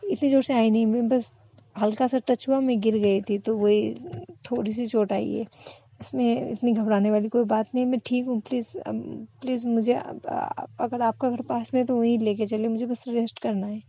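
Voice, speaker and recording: A dazed, secretive young woman who softly insists that nothing is wrong, as a storyteller puts her on. Her pleading comes in a dark, mellow tone, pitched a little high. The recording sounds muffled and lo-fi. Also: steady tone, moderate pace. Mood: insistent.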